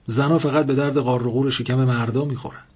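Smug condescending husband, read by a man, husky, audiobook story. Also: mid-range voice, steady tone, a little mellow, natural voice. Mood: mocking. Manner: condescending, lecturing, later stammering in fear.

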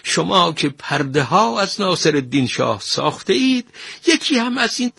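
A man voicing an anxious, flattering court minister who pleads and warns, husky and sharp. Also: sits high, dry recording, voice pushed up, full character voice. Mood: alarmed.

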